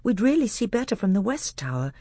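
High eager boy prince, breathy and hushed, as a male reader puts him on. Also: big pitch swings, a little fast, no echo, clean studio sound. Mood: eager awed. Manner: raised eager whisper.

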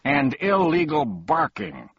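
Un uomo che interpreta un minuscolo poliziotto feroce. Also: male voice, fairly high pitch, slow, gravelly, breathy edge, dull audio, voice pushed up, full character voice. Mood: officious. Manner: barking, accusing, officious. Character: tiny fierce male policeman, pompous and accusing.

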